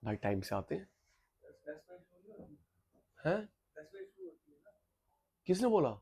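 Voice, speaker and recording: A man's voice: fairly high pitch, very animated, slow, gravelly, dark tone, husky. A man teaching a classroom lecture, drilling terms over and over, mixing in English, and teasing students who come in late. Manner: teasing, scolds latecomers playfully.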